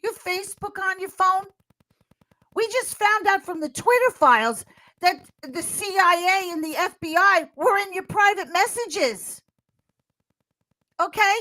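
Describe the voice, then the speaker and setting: An American woman giving animated political chat as a podcast guest, fiery and sarcastic, mocking others in squealing voices. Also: very high-pitched, a little slow, low-quality recording. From United States. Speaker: podcast guest, social media commentator.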